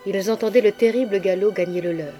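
Faint background music accompanies a woman reading a literary audiobook aloud. Her voice is medium in pitch, and she tells the story in an expressive, measured way.

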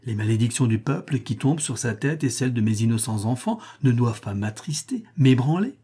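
A man's voice: mid-range voice, animated, a little fast, warm tone, slightly rough. A man voicing a proud, grieving empress who speaks resolutely in a raised, indignant voice.

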